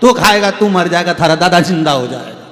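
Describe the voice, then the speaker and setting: A man voicing an old male guru who talks low and coaxing, in an echoey hall with soft music. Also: lively intonation, fairly quick. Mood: teasing. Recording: echoey hall with long reverb, faint music.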